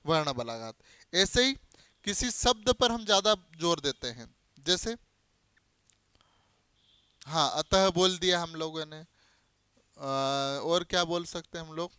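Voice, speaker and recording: A man's voice: on the high side, animated, a little slow, pauses often, sharp tone, clear, resonant tone, no room sound. A man teaching a Hindi grammar lesson to a class. He asks questions and answers them himself, repeating key terms and spelling out letters as examples. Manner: explains by spelling out letters and giving everyday examples.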